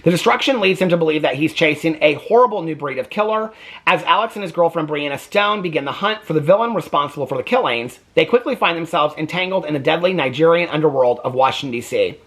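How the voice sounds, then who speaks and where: Talking fast in a slightly high voice, this American book reviewer reads synopses aloud and keeps interrupting himself with wry complaints and side remarks. His manner is lively and chatty as he discusses books he has read.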